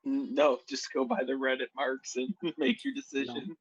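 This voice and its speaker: A man's voice: medium pitch, big pitch swings, normal speed, breathy edge. A man co-hosting a podcast in casual chat, making dry wisecracks and swearing casually. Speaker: podcast co-host. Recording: dry dull lo-fi mic.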